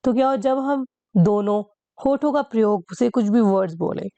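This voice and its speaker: Mellow-voiced woman teaching a lesson. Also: fairly high pitch, moderate pace, no echo, highs cut off. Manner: patient, repeats key points with rhetorical questions. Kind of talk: explaining a lesson.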